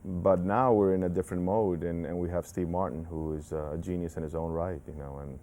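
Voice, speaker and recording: A deep, mellow male voice talks thoughtfully and haltingly in a junket interview. Faint hum is underneath. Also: fairly even intonation. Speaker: actor interviewed about a film.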